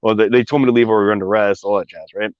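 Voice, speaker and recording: A man's voice: lowish voice, fairly even intonation, very fast, dry recording. A man casually telling a long personal story, rambling with many fillers and asides. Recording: dry, slightly dull recording.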